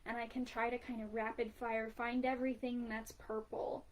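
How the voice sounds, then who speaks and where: A woman leading a grounding exercise in a calm, gentle, informal way, prompting conversationally without hurry. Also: on the high side, normal speed.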